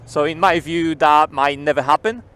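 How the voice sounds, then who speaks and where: A man's voice: a little high, normal speed, fairly bright tone, clean tone. A man vlogging while riding a motorcycle through city traffic, talking inside his helmet into a helmet mic in a rambling, casual way with frequent swearing. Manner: rambling, swears casually, repeats key words.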